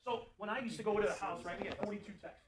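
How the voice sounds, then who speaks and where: Man, fast-talking, a bit high-voiced, jokey sales trainer quizzing the room, live training talk. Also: a crowd in the background, low-quality recording. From Florida. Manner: animated, jokey, asks the audience questions. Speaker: sales trainer for service technicians.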